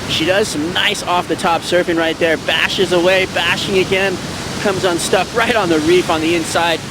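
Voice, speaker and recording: A man's voice: high-pitched, fairly even intonation, moderate pace. A man giving running commentary on a surfer riding a wave. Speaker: surf contest commentator. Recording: clear surf and water noise behind. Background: ocean waves.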